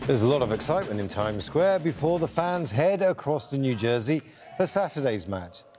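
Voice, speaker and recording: Male studio anchor, expressive news read. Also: mid-range voice, normal speed, music in the background. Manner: lively, varied intonation. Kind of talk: news presenting.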